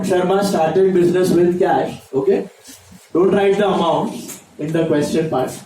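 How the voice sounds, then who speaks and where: High-voiced male teacher in an echoey classroom. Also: warm tone, a little hiss or hum. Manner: repetitive questioning of students, checks understanding. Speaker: accounting teacher. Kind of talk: classroom lecture mixing Hindi and English. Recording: echoey room, voice far from mic.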